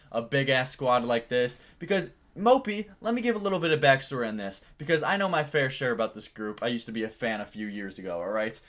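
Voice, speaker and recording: A man's voice: medium pitch, a bit bright. A man giving a casual, opinionated exposé in a sarcastic, scornful way, swearing heavily for emphasis. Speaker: YouTube drama commentator.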